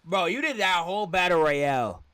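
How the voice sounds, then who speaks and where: A man's voice: fairly high pitch, big pitch swings, moderate pace, fairly bright tone, no echo. A man streaming a casual reaction to a video, slangy and incredulous.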